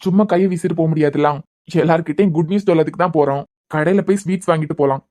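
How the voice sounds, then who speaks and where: A woman voicing a devoted young husband who is a hospital head, speaking in a Kanyakumari Tamil accent, bantering fast and turning stern at times. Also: low-pitched, mellow, close to an everyday voice. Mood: teasing. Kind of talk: cartoon web series voice acting.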